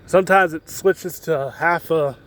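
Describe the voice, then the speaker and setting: Strolling down a campus street with a handheld phone, a young student vlogger chats in a loose, rambling way. He speaks at a measured pace in a slightly high, somewhat bright voice, with faint outdoor street noise behind him.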